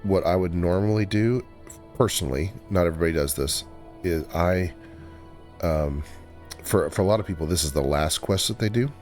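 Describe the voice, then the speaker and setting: A man with a very deep voice talks through a video game as he plays it. His commentary is relaxed and explanatory, broken by frequent filler pauses. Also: soft background music. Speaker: game walkthrough host. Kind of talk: casual gameplay commentary.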